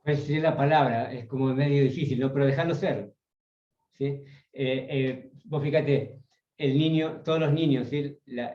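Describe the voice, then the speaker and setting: A man teaching an online workshop, checking in with a questioning "sí?" after nearly every phrase. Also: medium pitch. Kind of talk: spoken workshop lecture. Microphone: video call. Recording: roomy, distant, dull video call audio.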